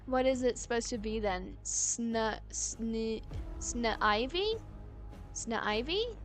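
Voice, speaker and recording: A woman's voice: on the high side, steady tone, slow, a little mellow, soft background music. A woman live streaming in casual chat, rambling, giggly and playfully argumentative, often correcting herself mid-thought.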